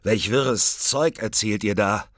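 A man's voice: fairly low pitch, slow pace, dry recording, clean studio sound, voice pushed up. Macbeth, a man playing a proud warrior lord. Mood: commanding. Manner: forceful, commanding.

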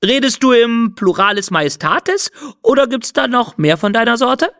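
A man voicing a tattooed male caterpillar biker in a storybook reading, loud and hearty. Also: very high voice, very animated, moderate pace, no room sound, clean studio sound, voice pushed up, exaggerated voice. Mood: cheerful.

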